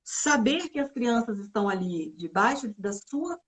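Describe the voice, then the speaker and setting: A woman psychologist talking through emotional health in a relaxed church conversation, explaining step by step with frequent tag questions. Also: fairly high pitch, moderate pace. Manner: explanatory, many filler "né"s, acts out complaints.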